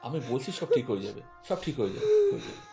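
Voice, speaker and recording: A man's voice: medium pitch, sing-song, racing, over music. An actor playing a stern middle-aged father who scolds, then soothes his son. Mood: soothing. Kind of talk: film drama acting.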